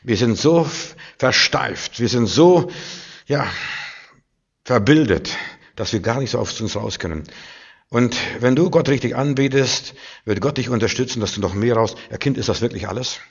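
A man preaching a sermon with passion, swinging from hushed lines to loud outbursts. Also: medium pitch, animated, normal speed, breathy edge, lo-fi sound.

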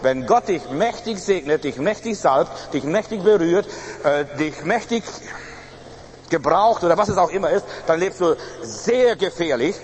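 A man's voice: a little high, expressive, normal speed, a little hiss or hum. A male pastor preaching a sermon emphatically, with frequent fillers and restarts. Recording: reverberant hall, faint ambience.

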